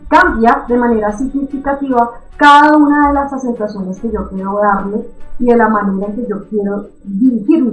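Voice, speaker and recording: A woman teaching an online reading lesson in a lively, encouraging way, often checking in with her students. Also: fairly high pitch, echoey room, low-quality recording. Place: recorded for an online class.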